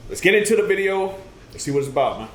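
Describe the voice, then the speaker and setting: A man's voice: high voice, very animated, fast talker. A man hosting a reaction video talks easily and loosely, thanking his supporters. His voice bounces around a bare, echoey room, with a faint hiss underneath. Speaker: reaction channel host. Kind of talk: casual chat.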